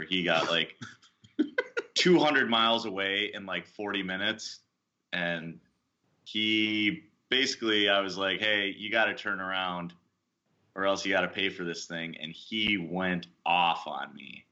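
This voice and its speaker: A young man hosts a casual podcast. He tells stories in a loose, candid way and swears now and then. His voice sits very low, yet it has a bright, forceful edge. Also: muffled recording. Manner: relaxed, candid storytelling with laughs and swearing. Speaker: podcast host.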